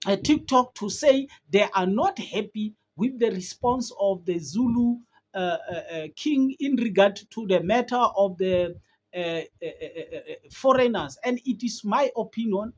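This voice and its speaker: A South African commentator delivering an opinion piece straight to camera. The talk is earnest and halting, full of repeated fillers and self-corrections, in a voice of middling pitch. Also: highs cut off. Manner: earnest, hesitant, many uh fillers and restarts.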